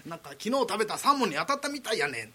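A man's voice: sits high, sing-song, racing, bright, forceful tone, heavily acted. A man doing a rambling Kansai backstage accompanist. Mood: chatty. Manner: loose, rambling Kansai dialect. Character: casual Kansai-dialect shamisen accompanist backstage.

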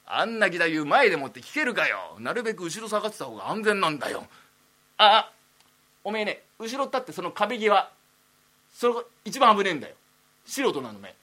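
A man playing a rough-talking Edo townsman who grumbles and teases at a banquet. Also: high voice, big pitch swings, fairly quick, pushed and bright, voice pushed up, full character voice. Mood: grumbling. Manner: blunt, teasing, grumbling.

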